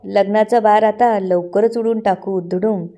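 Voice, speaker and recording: A woman's voice: medium pitch, fairly even intonation, unhurried, warm tone, lightly acted. A gloating scheming mother, read by a woman. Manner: read out in a plain narrating voice.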